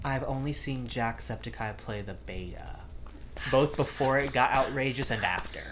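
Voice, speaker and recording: A woman's voice: very deep voice, moderate pace, background noise. A woman co-hosting a let's play, joking around in casual gameplay commentary with game music behind. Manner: playful, jokey banter.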